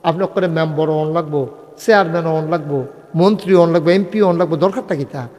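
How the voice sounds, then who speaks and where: A man's voice: fairly high pitch, fast talker, darkish tone. Rousing preacher man, long reverb. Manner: rousing, prompts the crowd to call back responses; conversational, storytelling with dialogue. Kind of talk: humorous Islamic sermon at a religious gathering.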